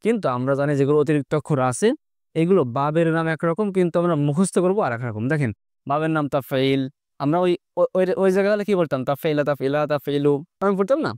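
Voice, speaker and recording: A man teaches a recorded online class at a brisk clip, his voice sitting a little high. He builds each point step by step and keeps throwing questions at his students. The sound is dry and close, with no room around it. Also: lively intonation, a little mellow, clear, resonant tone, no echo.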